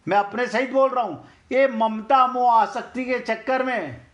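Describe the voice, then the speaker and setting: A middle-aged man teaching scripture in an earnest, direct way, speaking to his listeners and sometimes chanting verses slowly. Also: extremely high pitch, a bit bright. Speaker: spiritual teacher. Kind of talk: explaining scripture.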